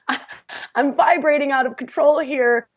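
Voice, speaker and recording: A woman guest on a podcast, telling a personal story in a casual, animated way, often laughing and restarting her sentences. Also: high voice, measured pace.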